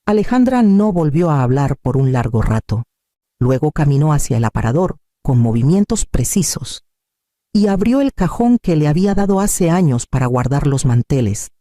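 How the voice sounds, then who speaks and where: A man reading a scripted first-person family drama in a calm, measured storytelling manner. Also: a little high, dry recording, clean studio sound. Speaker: narrator.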